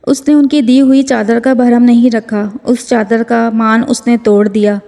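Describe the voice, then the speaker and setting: Female novel narrator, emotional and slow; flat, high delivery with hall echo. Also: vocal fry. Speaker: novel reader. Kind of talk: reading a romance novel aloud. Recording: long hall reverb.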